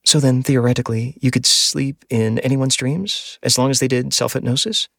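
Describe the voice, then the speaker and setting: A man voicing a blunt, curious teenage girl in an audiobook, lifting his voice for her quick questions. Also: mid-range voice, steady tone, creaky, fairly bright tone, no echo, clean studio sound, voice pushed up. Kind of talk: audiobook character voice.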